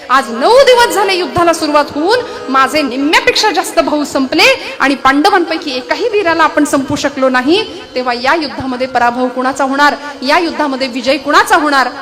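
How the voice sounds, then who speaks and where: A woman preacher giving a devotional sermon with storytelling. She speaks in a lively way and keeps asking the audience rhetorical questions. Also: high voice. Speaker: kirtan preacher. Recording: accompanying music behind the voice.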